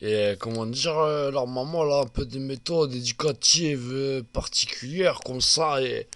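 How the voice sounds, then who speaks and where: A man's voice: medium pitch, moderate pace, fairly bright tone, no room sound. A man telling a comedy story in a rambling way, full of fillers and hesitations. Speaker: comedian narrator.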